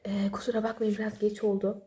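Sleepy and apologetic, a young study vlogger rambles through casual late-night study advice at home, throwing in small self-deprecating jokes. She talks fast in a mid-range, level voice with a dark tone, and uses no external microphone.

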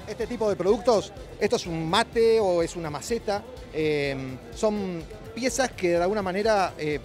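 A middle-aged man with a Rioplatense accent and a rather high voice talks into a handheld mic at a crowded expo. He explains at length, full of "eh" hesitations and restarts. Faint music plays in the background. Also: moderate pace. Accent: Rioplatense Spanish. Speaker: company director. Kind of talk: trade-show interview. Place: busy indoor expo hall. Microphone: handheld mic held by interviewer.

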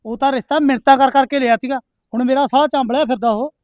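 Guy doing an older punjabi village dad, always hushing and pleading for calm, real high voice, fast. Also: no echo. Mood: indignant. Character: older village father, anxious peacemaker. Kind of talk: village comedy film acting.

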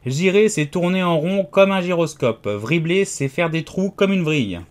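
Audiobook figure: a haughty, lecturing egg man, read by a man, slightly high voice. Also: moderate pace, natural voice. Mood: smug. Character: pompous, condescending giant egg man. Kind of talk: audiobook character reading.

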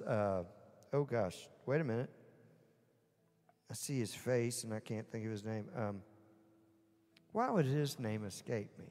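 A middle-aged man with a Southern US accent and a medium-pitched, slightly mellow voice chats casually between songs while hosting his livestream from a small indoor stage with curtains. He rambles, chuckles and loses his train of thought, with live guitar and backing music behind him in a roomy, reverberant recording.

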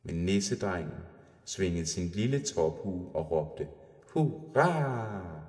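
Deep-voiced man reading a storybook. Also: warm tone. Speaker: narrator. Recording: roomy reverberant room.

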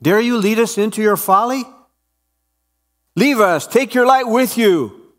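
Shrill panicked cave dwellers, as a preacher puts them on. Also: male voice, very animated, normal speed, fairly bright tone. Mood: angry. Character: frightened shouting cave dwellers, men and women. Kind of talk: sermon storytelling.

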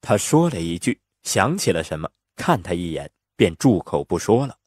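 A man narrating an audiobook in an expressive, lively storytelling manner on a close mic. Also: low voice, moderate pace, slightly rough, no echo.

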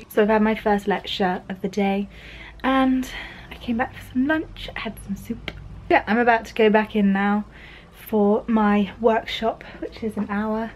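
A woman's voice: mid-range voice, darkish tone, slight background noise. Chatty young woman vlogging. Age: 20s. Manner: chatty and upbeat, quick laughs, many fillers. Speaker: vlogger and fashion student. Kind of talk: casual vlog chat to camera. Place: student bedroom, indoors.

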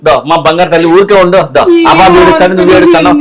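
A man's voice: sits high, fairly even intonation, very fast, over a noisy crowd, lightly acted. A man acting a flustered husband in a comedy skit, rambling and stammering excuses while pleading with his crying wife.

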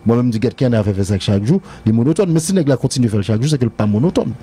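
Fast-talking Haitian man with a mellow voice. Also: medium pitch, animated, a little hiss or hum. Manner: rambling, repeats phrases, laughs often. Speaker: music commentator. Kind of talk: casual radio-show debate.

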